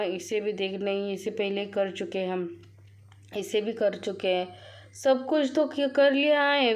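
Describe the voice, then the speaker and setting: A woman casually commenting on her mobile game as she plays, chatty with viewers, often crying out and repeating words when things go wrong. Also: medium pitch. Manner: excitable, frequent cries and repeated words; addresses viewers as friends, chatty. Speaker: gaming channel host. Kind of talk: live commentary while playing a mobile game.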